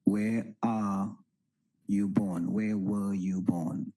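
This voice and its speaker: A man grills a witness at a hearing, asking slowly and insisting on answers. His voice is low and husky, with a dark tone. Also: little pitch movement, poor audio. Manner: slow, pressing, repeats his questions. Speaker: parliamentary committee member. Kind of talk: formal questioning at a hearing.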